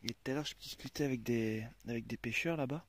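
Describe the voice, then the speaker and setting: This riverside travel vlog features a young man at medium pitch who talks fast, chatting with his viewers and his dogs and cursing now and then when annoyed. There's a slight amount of background noise.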